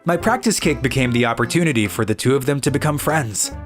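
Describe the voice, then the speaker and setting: Playing a sincere, good-hearted schoolboy, a man delivers scripted narration and character dialogue in an animated-story style. He speaks quickly in a mid-range voice with lively intonation, with music running underneath.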